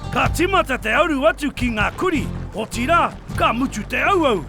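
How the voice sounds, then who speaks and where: A man's voice: extremely high pitch, expressive, a little fast, gravelly. A man delivering spirited documentary narration. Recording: music under the voice.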